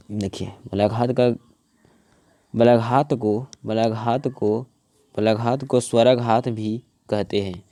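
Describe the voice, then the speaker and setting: A man's voice: on the low side, mellow, no room sound. Repetitive young male grammar teacher. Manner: repeats words and restarts often; slows to spell out word parts. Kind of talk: explaining from notes to camera.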